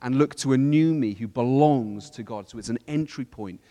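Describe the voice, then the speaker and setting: A man's voice: medium pitch, moderate pace, warm tone. Male church leader, casual Bible study talk, explanatory, reverberant room. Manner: explanatory, with frequent restarts and quoted scripture.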